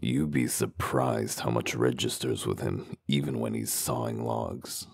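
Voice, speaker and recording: A man playing a gruff, world-weary wolf detective in a comic dub, with gravelly voice and dry, sardonic, interrogating delivery. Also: a bass voice, unhurried, dry recording, heavily acted. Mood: sardonic, stern.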